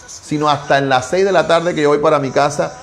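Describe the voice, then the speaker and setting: A man's voice: a little high, fairly even intonation, brisk, faint music behind. A man, a pastor preaching a devotional sermon and telling a personal testimony with emphatic repetition. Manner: emphatic storytelling with heavy repetition.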